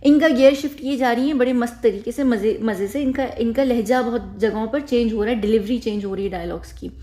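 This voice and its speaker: A woman in her own casual commentary video, speaking with a slightly high but soft, mellow voice. She explains things chattily, circles back to fix her own sentences, and often checks in with listeners. When making a point she slows down and leans on her words. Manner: frequent self-corrections and restarts. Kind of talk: casual spoken commentary to camera.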